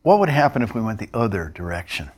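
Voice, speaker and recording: A male instructor narrating a training lesson in a measured, explanatory way. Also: fairly low pitch, big pitch swings, darkish tone. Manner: measured, explanatory, with occasional restarts.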